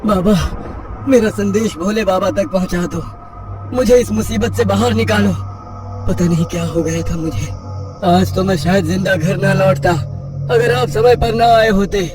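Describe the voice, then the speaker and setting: A man's voice: high-pitched, a little slow, pitched above the performer's own voice. A man voicing a frightened young farmer who pleads in a shaken voice. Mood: pleading. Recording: distant mic with loud music.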